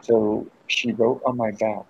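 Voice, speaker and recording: Over a laid-back group voice chat, a man from the US slowly works through a long, swearing-filled, rambling story, sometimes turning to snap at friends who break in. His voice is lowish, gravelly, and fairly flat in pitch. The recording is dull lo-fi chat audio with a bit of hiss or hum.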